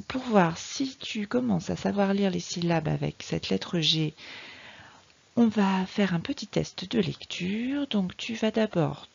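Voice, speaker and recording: A woman teacher giving a patient, slow, explanatory reading lesson to a young child. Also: on the low side, creaky, darkish tone, breathy edge, muffled recording. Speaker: primary school teacher.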